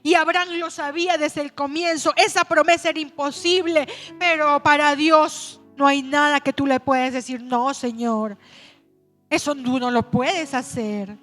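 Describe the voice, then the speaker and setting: A woman pastor preaching a sermon, telling a personal story in a chatty way and slowing down to stretch words for emphasis. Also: sits high, fairly even intonation, fairly bright tone, soft background music.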